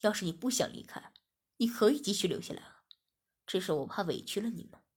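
Woman doing a low, soothing young master. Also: moderate pace, creaky, breathy edge, heavily acted. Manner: low, steady and reassuring.

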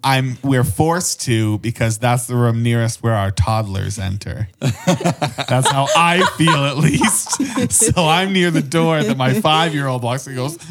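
Young man, podcast co-host, casual chat, frequent laughter, medium pitch. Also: lively intonation, slow pace, noisy background. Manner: laughs often, talks in restarts. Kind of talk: casual chat among friends.

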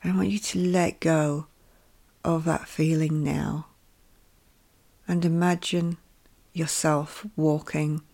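A woman leading a guided meditation with calm, gentle instructions, her soft voice often drifting into a whisper. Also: deep voice, gravelly.

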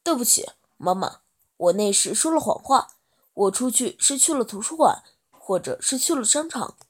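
A woman's voice: a little high, lively intonation, normal speed, slightly rough. Woman voicing a shy stammering teenage boy. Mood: nervous, pleading. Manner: stammering, nervous.

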